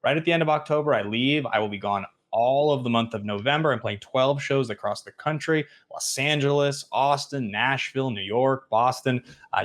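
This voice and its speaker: A man co-hosts a podcast at a quick clip. He has a mid-range voice and sounds upbeat and eager as he makes announcements. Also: mid-range voice. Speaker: podcast co-host. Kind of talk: casual podcast chat.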